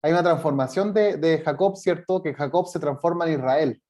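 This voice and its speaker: A male preacher delivers a sermon in a slightly raised, mellow voice. He reads scripture slowly with weight on each phrase, then talks it through in looping repetitions, keeping the congregation with him by asking whether they agree. The tone is warm and unhurried. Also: a little high. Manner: repeats phrases and keeps asking "right?" of the congregation. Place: church service.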